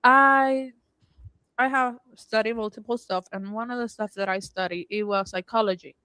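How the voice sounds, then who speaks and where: A woman from Puerto Rico with a Puerto Rican Spanish accent, co-hosting a casual podcast chat and telling animated stories, often laughing and acting out what she said. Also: fairly high pitch, normal speed, smooth, dry recording, poor audio. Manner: animated storytelling, laughs often, quotes herself. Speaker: podcast co-host.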